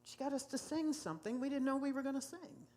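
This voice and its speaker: A woman's voice: high voice, quick pace, warm tone. Emphatic woman pastor preaching. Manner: emphatic, repeats phrases for effect. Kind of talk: sermon. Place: church sanctuary.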